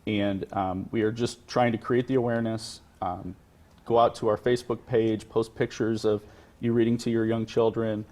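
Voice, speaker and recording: A man guest on a studio TV segment, explaining an event in a halting way and repeating words. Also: fairly low pitch, flat delivery, warm tone. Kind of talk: studio interview.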